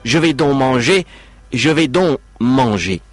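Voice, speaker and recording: A man's voice: medium pitch, animated, slow pace. A man voicing a timid young man who speaks hesitantly and stammers, with music behind.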